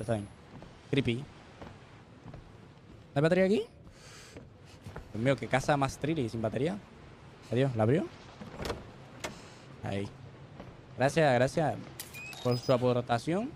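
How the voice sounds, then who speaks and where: A man's voice: mid-range voice, lively intonation, normal speed, long pauses, darkish tone, a little hiss or hum. A man giving live gameplay commentary as a streamer, joking, tossing in English words and yelping when startled. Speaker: gaming streamer.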